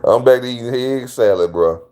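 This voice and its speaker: A man's voice: mid-range voice, normal speed, dark tone, clean tone. A man hosting his own channel, giving casual opinion commentary in a slangy, emphatic way that repeats his points. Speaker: channel host.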